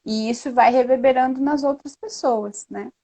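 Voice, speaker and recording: A woman guest on a live video call tells personal stories with earnest, lively energy. Her voice sits a little high, and she keeps checking in with her listener. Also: normal speed. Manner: earnest, lively storytelling with frequent "né?". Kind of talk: casual live chat.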